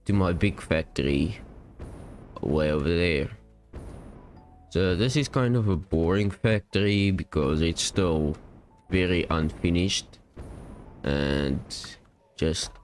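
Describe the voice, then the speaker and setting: A man casually touring his game world, relaxed and unsure, often correcting himself. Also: sits low. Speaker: gaming YouTuber.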